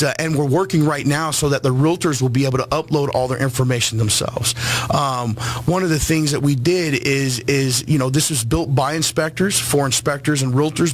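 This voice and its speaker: A man's voice: medium pitch, slight background noise. A man who works as a home inspector, a guest on a radio show, explaining his business earnestly with many ums and restarts.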